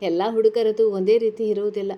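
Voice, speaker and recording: A woman's voice: medium pitch, level tone, brisk, muffled recording, close to an everyday voice. A woman voicing a tearful, guilt-ridden young college woman in a read-aloud story, asking anxious questions. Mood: earnest. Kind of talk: storybook character reading.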